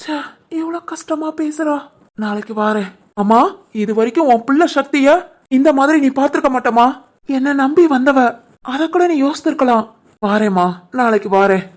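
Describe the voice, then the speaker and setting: A woman voicing a devoted, protective young husband in an animated family drama, with a soft pleading manner and a Tirunelveli Tamil accent. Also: high voice, moderate pace. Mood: resolute.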